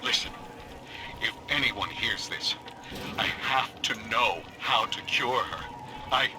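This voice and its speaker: An actor playing a desperate father searching for his lost daughter, speaking in a halting, distraught way in a video game. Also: medium pitch, natural voice.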